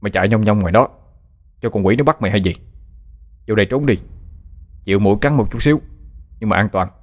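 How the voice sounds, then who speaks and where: Brash young villager, brusque, scolding, low voice, audio story, narrator voicing him. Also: male voice, quick pace. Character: blunt young village man, brash friend.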